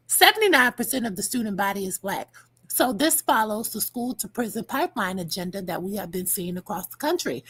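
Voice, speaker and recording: A middle-aged American woman speaks in a high, slightly husky voice with dental retainers in. Her delivery swings widely as she gives emphatic commentary on a discussion panel. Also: a bit bright.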